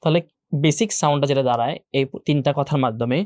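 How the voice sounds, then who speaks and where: A man's voice: mid-range voice, fast talker, darkish tone, no echo. A young man teaching an online Quran class, who patiently repeats each letter sound again and again for his students. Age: young adult.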